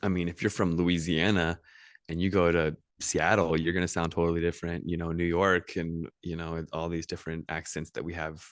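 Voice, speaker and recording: An American man with a low, smooth and resonant voice, talking loosely as a podcast guest. He rambles, backtracks and fills pauses with "um." The sound is dry and close. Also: level tone, no echo. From United States. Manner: rambling, with many fillers and restarts. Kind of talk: casual podcast conversation.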